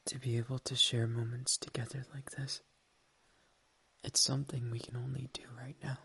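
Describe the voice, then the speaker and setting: Pressed close to the mic, a soft, airy whisper that's nearly voiceless carries small mouth clicks in its quiet gaps. In this ASMR roleplay of a doting partner, the speaker holds a flat, level line, affectionate and lightly teasing. The mid-range voice moves at a moderate pace and sounds creaky and slightly rough.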